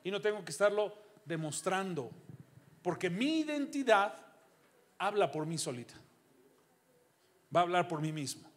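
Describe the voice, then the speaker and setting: A middle-aged man preaching a sermon in a church, throwing rhetorical questions at the congregation and swinging from loud calls to low asides. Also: sing-song, normal speed, pauses often. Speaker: pastor.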